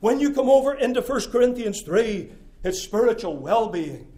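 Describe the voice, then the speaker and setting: A middle-aged man from Scotia, preaching a sermon, emphatic and rhythmic, swinging from loud declarations to quiet asides. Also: extremely high pitch, expressive, normal speed. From Nova Scotia, Canada.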